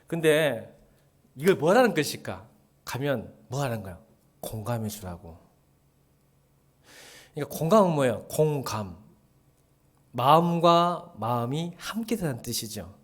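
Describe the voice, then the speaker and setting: A man's voice: mid-range voice, big pitch swings, unhurried, long pauses. A middle-aged male pastor giving a casual sermon, chatty and joking, who acts out dialogue and often drops to a murmur.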